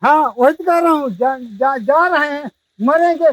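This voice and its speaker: Despairing high-voiced village man. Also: expressive, unhurried, fairly bright tone, dry recording, far from the mic, rough recording. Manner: despairing, repeats himself. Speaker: distressed villager. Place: outdoors by floodwater.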